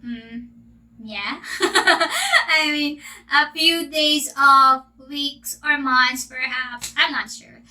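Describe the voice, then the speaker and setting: A Filipino English teacher who grew up speaking Filipino hosts a casual Q&A vlog on her channel, asking questions and drawing out her words. She comes from the Philippines and talks extremely slowly in a high, bright, expressive and forceful voice.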